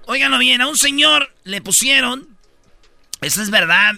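A man's voice: extremely high pitch, lively intonation, normal speed, vocal fry, sharp tone, dry recording, faint music behind. A man with a Mexican accent hosts a radio comedy show, delivering a boisterous, slangy run of jokey news. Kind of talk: comic news rundown.

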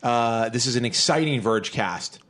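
A man's voice: medium pitch, normal speed, a bit bright. A man hosting a podcast in natural, unscripted casual chat, rambling and joking as he repeats his phrases. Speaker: podcast host.

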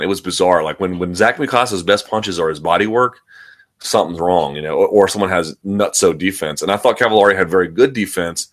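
Deep-voiced man repeating his words. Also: a bit bright. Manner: repeats and restarts words and phrases. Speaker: sports talk show host. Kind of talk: casual opinionated combat sports commentary.

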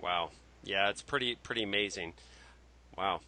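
A man's voice: low-pitched, moderate pace, bright, forceful tone. A man hosting a show in casual interview chat. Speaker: show host.

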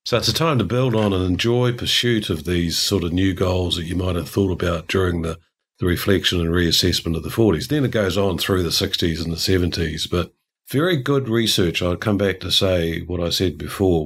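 A man's voice: deep voice, brisk, husky. An older man from New Zealand explaining ideas in a discursive, chatty way, full of asides. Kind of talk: casual conversation.

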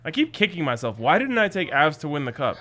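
A man's voice: on the high side, big pitch swings, fast, bright, forceful tone. An American man hosting a sports betting show, chatting casually in a slangy, joking, blunt way.

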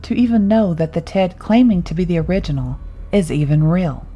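A woman narrating a horror story in a calm, measured reading voice. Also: on the low side, slightly rough, muffled recording.

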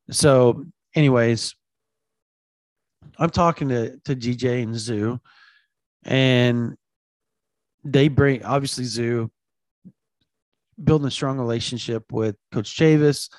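A man who covers college football recruiting, talking in an animated, rambling way and repeating himself for emphasis. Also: medium pitch, slow, long pauses, no echo. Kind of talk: sports talk, casual chat.

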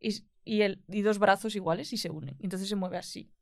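A young woman, chatting casually as a guest and acting out quotes in a lively way. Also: mid-range voice, no echo, studio quality. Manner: lively, quick, acts out quotes. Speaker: guest, engineering student. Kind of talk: casual chat.

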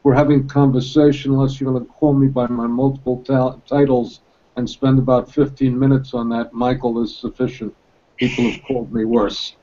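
A man speaking as a historian guest in a panel discussion, measured and with a dry humor. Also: medium pitch, flat delivery, mellow, highs cut off.

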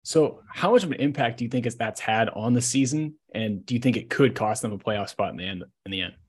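A man's voice: mid-range voice, a little fast, breathy edge. A man hosting a sports podcast in a casual interview style.

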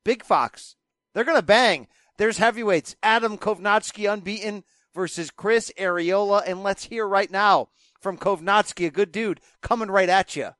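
A man hosting a casual boxing chat, briskly and wryly running through a fight schedule. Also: high-pitched, fairly bright tone, no room sound. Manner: brisk, wry, rattling off listings. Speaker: boxing podcast host.

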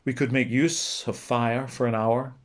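A man reading an audiobook, voicing a courteous, curious young prince in a gentle, formal manner. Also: mid-range voice, fairly even intonation, a little slow, lightly acted.

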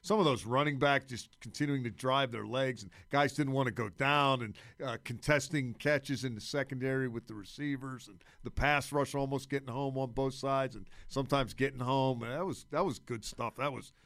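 A man giving casual sports analysis as a radio commentator, haltingly repeating words as he works out his points. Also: medium pitch, steady tone, fairly bright tone, no echo.

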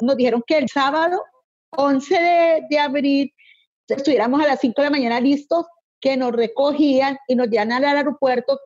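A middle-aged woman tells a painful story with anguish in her voice. Her voice is high and husky. The recording sounds somewhat dull. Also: a little mellow. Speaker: interviewee. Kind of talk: personal testimony.

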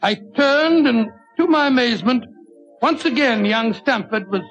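An actor playing an older, avuncular British doctor who reminisces in a wordy, genial 1940s radio drama style. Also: male voice, very high voice, lively intonation, measured pace, a bit bright, soft background music, heavily acted. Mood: dramatic narration. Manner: avuncular, wordy, chuckling storyteller. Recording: dull old-time radio recording.

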